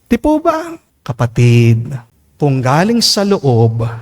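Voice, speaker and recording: Filipino male priest, emphatic homily delivery, lively sweeping pitch. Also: slow. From Philippines. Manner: emphatic preaching, mixing in English, often calling out "Amen?" to the congregation. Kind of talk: homily at Mass. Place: church during Mass.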